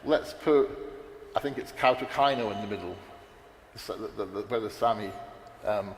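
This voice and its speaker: In a lowish voice at normal speed, a panelist rambles through loose, unplanned remarks with frequent fillers and restarts. He's recorded in a large hall that echoes, with a little background noise.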